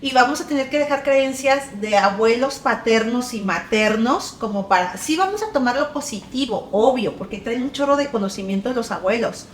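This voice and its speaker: Animated Mexican woman in an echoey room. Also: a little high, moderate pace, few pauses, slight background noise. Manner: animated, acts out scolding parents. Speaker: podcast host. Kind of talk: casual conversational interview.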